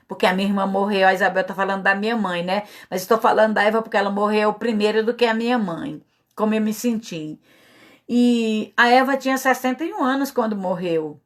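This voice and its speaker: A middle-aged woman pastor with a Brazilian Portuguese accent, giving an earnest, emotional personal testimony. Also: medium pitch. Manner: earnest, confessional, openly emotional.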